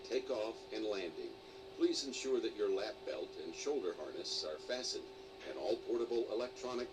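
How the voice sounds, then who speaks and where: Man, pre-recorded cabin safety announcement, formal measured reading, distant from the mic, noisy background. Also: on the low side. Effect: pre-recorded cabin safety announcement played in a flight simulator. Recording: distant, noisy game audio.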